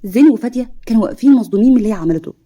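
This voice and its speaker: A woman with an Egyptian accent narrating a family drama story in a brisk, lively way. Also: a little high.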